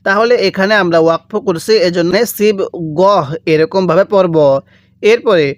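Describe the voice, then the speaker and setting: A man teaching Quran reading, with a Bangladeshi Bengali accent, who explains each word and then draws out the recitation slowly and repeats it for students to follow. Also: sits high, no echo. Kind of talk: slow step-by-step recitation lesson.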